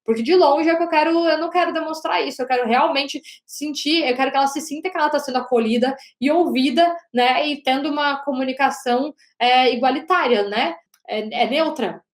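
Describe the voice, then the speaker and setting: A woman teaching an online lesson on body language as a communication coach, talking loudly and emphatically and often checking in with the audience. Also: sits high, a little fast. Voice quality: loud, projecting voice. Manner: emphatic, with frequent "né?" and "gente". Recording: roomy echo.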